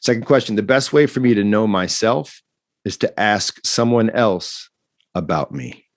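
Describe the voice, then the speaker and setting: A man guesting on a podcast, talking in an animated, rambling way and often turning to address the host. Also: on the low side, measured pace, no echo, studio quality. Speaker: guest, non-profit founder and educator. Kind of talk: casual podcast conversation.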